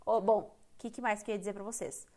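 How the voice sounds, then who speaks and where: A woman's voice: mid-range voice, fairly even intonation, quick pace, dark tone. A Brazilian woman teaching English in a live online lesson, speaking candidly and chattily, often breaking off and restarting her sentences. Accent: Brazilian Portuguese. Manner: candid, chatty, self-interrupting. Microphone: computer mic on a live stream.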